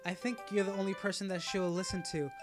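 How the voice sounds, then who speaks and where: A man's voice: sits high, little pitch movement, quick pace, over music, natural voice. A man reading aloud a worried teenage girl's note in a visual novel, pleading and anxious. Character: worried, prickly teenage girl writing a note.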